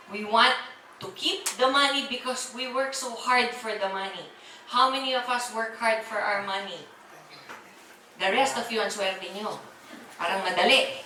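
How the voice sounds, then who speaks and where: A woman's voice: medium pitch, sharp tone, slight background noise. A woman in her forties with a Filipino accent, giving a live product presentation to an audience in a chatty, teasing way and keeping them answering her questions. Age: 40s. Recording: echoey hall, voice from far off, faint ambience.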